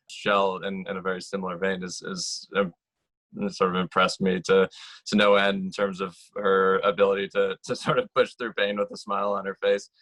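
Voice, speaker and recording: A man's voice: low-pitched, flat delivery, normal speed, a bit bright, no room sound. A man in his twenties from Texas, speaking earnestly about his team and often repeating words. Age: 20s. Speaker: team member. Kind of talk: casual team introduction.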